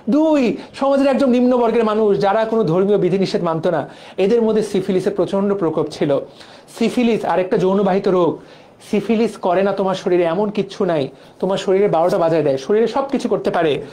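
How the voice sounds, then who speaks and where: A man's voice: high-pitched, mellow. Young man lecturing with playful mnemonics. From Bangladesh. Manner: playful, drills mnemonics with repetition. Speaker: biology lecturer. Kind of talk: exam-prep class lecture.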